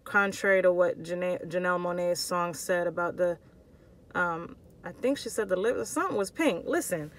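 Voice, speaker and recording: A woman vlogger telling a personal story to her viewers in a casual, expressive and slangy way. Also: on the low side, normal speed.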